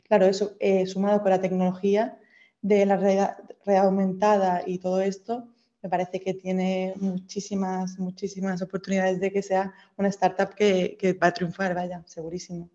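A woman's voice: medium pitch, completely flat delivery, normal speed, mellow. A woman giving an informal spoken opinion as a panel participant. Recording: dull lo-fi audio.

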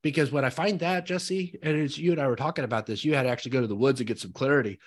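A man's voice: medium pitch, rapid-fire. A man co-hosting a podcast in casual discussion, upbeat and motivational, laughing easily. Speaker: podcast co-host.

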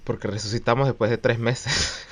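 A man's voice: medium pitch, steady tone, normal speed. Podcast guy w/ mixed chilean-mexican accent, jokey, lots of ums and eh's, casual chat. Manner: joking, rambling with many fillers. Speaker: podcast co-host.

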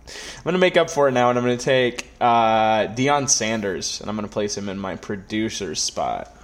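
A man's voice: fairly low pitch, expressive, moderate pace, a little hiss or hum. A man co-hosting a casual podcast, talking in a wry way with mock-formal phrasing and some swearing. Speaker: podcast co-host. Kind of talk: casual banter, fantasy draft commentary.

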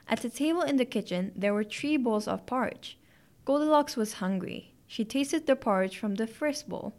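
A woman narrating classic fairy tales as a podcast host, in a clear, gentle storytelling manner. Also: a little high, animated, normal speed.

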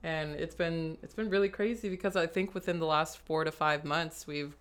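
A woman's voice: low-pitched, steady tone, normal speed. A young woman with an American accent co-hosting a podcast in casual, slangy, informal chat. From San Francisco Bay Area, USA. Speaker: podcast co-host.

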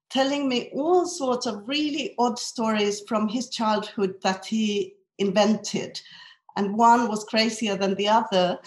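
A woman of Spanish and Finnish origin, a storyteller, fondly recalling childhood stories. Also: a little high. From Spain and Finland. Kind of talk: personal storytelling interview. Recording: echoey room.

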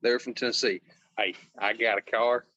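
A man co-hosting a podcast, chatting casually in a joking, deadpan way. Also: mid-range voice, moderate pace, a little hiss or hum. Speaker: podcast co-host. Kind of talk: casual chat. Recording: dull lo-fi sound.

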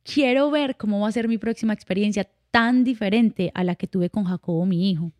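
A young woman shares her life in a relaxed podcast conversation, candid and heartfelt. Her voice is mellow and warm, and the recording is dry and close with no room sound. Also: mid-range voice, brisk, dry recording. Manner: candid and heartfelt, storytelling with quoted dialogue. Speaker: podcast guest. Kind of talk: casual conversational interview.

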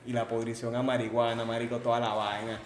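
A young man with a Venezuelan accent tells slangy, animated anecdotes as a podcast guest. He speaks fast, and his voice carries a roomy echo. Clear background noise sits under the recording. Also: medium pitch. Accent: Venezuelan Spanish. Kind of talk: casual storytelling. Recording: echoey room with background noise.

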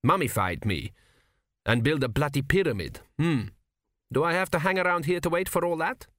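A man voicing a newly dead king who grumbles and frets, raised well above his own pitch. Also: animated, moderate pace, a bit bright, no echo, clean studio sound. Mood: puzzled, doubtful. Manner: querulous, grumbling. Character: fretful newly dead male king, indignant.

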